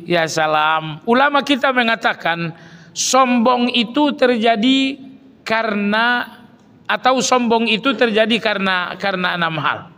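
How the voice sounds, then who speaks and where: A man's voice: sits high, bright, forceful tone. A man preaching a sermon to a congregation, explaining terms and putting questions to his listeners. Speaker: Islamic preacher. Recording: long hall reverb.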